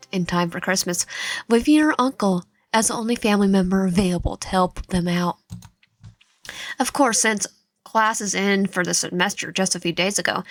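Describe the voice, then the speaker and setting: A video game streamer with a mid-range voice reads a visual novel aloud for a gaming video, with music playing behind her. Her reading is halting, full of stumbles she corrects, plus casual asides of her own.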